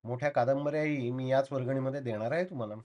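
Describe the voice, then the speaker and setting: A man's voice: mid-range voice, steady tone, quick pace, muffled recording, lightly acted. A man reading the part of an earnest young door-to-door librarian, talking in eager, apologetic salesman patter.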